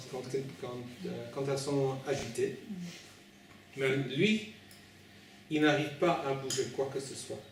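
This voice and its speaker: Slow, echoey male preacher with foreign-accented French. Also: on the high side. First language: not French. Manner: halting and hesitant, repeats and corrects words, pastoral direct address. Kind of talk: informal sermon at an evening meeting. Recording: very echoey room, distant mic, faint noise.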